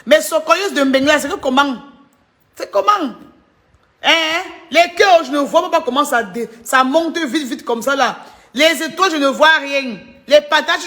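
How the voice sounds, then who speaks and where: A woman's voice: high voice, normal speed, pushed and bright. A woman doing mocking gossip commentary on a live stream, teasing and laughing as she chats to viewers. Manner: teasing, laughing often, chatty asides to viewers.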